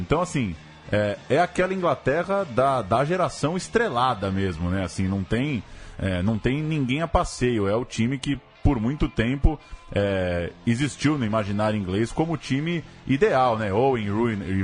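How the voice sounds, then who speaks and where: A man with a Brazilian accent in casual football chat as a co-host. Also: medium pitch.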